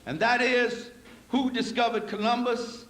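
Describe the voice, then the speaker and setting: A man giving a live lecture to an audience, folksy and preacherly, dropping low for asides and rising to emphatic points. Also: little pitch movement, a little slow, fairly bright tone. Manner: folksy, addresses audience as y'all. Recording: echoey hall recording with faint noise.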